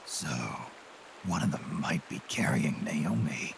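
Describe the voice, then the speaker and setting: A gruff game soldier. He is deep and gravelly, terse and pondering, with clear rainy hiss around him. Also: lively intonation, takes it slowly, heavily acted. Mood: pondering, doubtful. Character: gruff male soldier questioning his adviser. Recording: noisy, hiss like rain.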